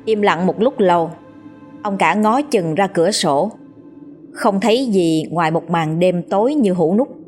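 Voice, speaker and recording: A woman reads a ghost story at a very slow, deliberate pace. Her telling is measured and suspenseful, with faint music playing behind her. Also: lowish voice, a little mellow.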